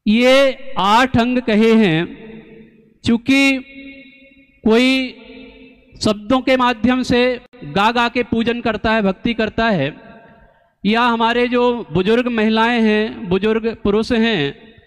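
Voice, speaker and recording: A man giving a slow, deliberate religious discourse, teaching through rhetorical questions and pauses. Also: extremely high pitch, fairly even intonation, clean tone. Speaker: Jain scholar and preacher. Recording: long hall reverb.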